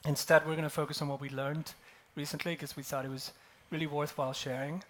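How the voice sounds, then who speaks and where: A man in his forties, co-founder of a company, shares a grim personal anecdote wryly and with self-deprecating humor during a conference talk on stage. He speaks fast in a fairly high, a bit bright voice with flat delivery.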